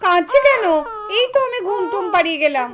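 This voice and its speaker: A woman's voice: very high voice, big pitch swings, loud music behind the voice. A woman playing a bustling young cartoon mother. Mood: motherly. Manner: hurried and motherly. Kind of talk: Bengali puppet cartoon voice-over.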